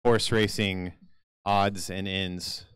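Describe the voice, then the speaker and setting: A man announces a live bicycle race with a very clear, ringing voice and a dry, close sound. He mixes play-by-play with light jokes and asides in a relaxed, playful manner. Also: low-pitched, slow pace, dry recording. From Kentucky. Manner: jokey, playful asides between race calls. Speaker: track announcer. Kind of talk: live race commentary over PA.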